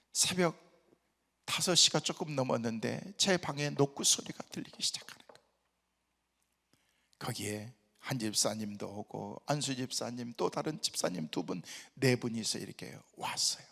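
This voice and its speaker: A man preaching a sermon as a pastor, telling his own story and building up to loud, emphatic exhortation. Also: medium pitch, gravelly, in a large hall. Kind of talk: sermon with personal testimony. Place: prayer retreat hall.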